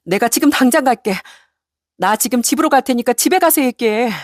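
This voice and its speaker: A panicky, shrill middle-aged wife played by a woman reader begs and stammers in a high, strained voice. The storybook reading is dry and close, with no room sound. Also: fairly quick, no room sound, lightly acted. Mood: panicked. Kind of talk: storybook radio narration.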